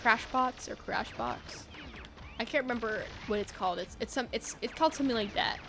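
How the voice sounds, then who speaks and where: A woman streams a game, sounding worn out and yawning as she rambles in a slightly high voice. Her talk is loose and giggly, full of fillers. A faint background hum sits under her voice. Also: brisk. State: tired and yawning. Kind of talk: casual stream chat.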